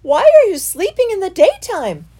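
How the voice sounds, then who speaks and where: A woman doing a squeaky earnest mouse boy. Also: huge pitch swings, moderate pace, mellow, heavily acted. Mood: urgent. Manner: urgent, pleading, sing-song. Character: earnest young male mouse pilgrim.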